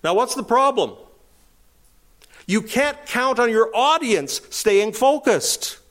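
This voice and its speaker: A middle-aged male pastor preaching a sermon, rising to emphatic, high-pitched calls between calmer stretches. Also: slow pace.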